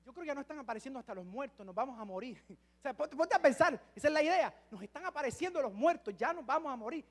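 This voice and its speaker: A man with a notably high voice preaching a sermon as pastor. He talks to the congregation in a joking, chatty way, then drops to near-whispered asides and builds to shouted peaks of emphasis. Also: animated, fast talker. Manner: dramatic preaching, swinging from hushed asides to shouted climaxes; conversational and humorous with the congregation.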